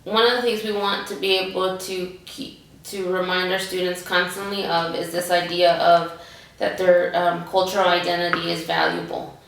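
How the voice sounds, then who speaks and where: A woman who manages an education program answers interview questions haltingly, with many ums. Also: on the low side, level tone, vocal fry, a bit bright. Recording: echoey room, mic at a distance.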